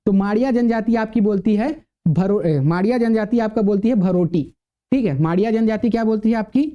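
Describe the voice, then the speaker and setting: A man's voice: sits high, fairly quick, clean tone. Male tutor, repetitive question-and-answer lecture, dull lo-fi recording. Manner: asks the class questions and answers them himself, repeats key words. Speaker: teacher. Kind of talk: classroom lecture.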